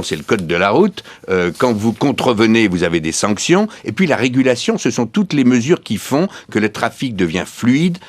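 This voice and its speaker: French guy guesting on a radio show, low voice, dead dry studio, explains stuff with everyday examples. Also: dry recording. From France. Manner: explanatory, builds points with everyday comparisons. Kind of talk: radio interview answers.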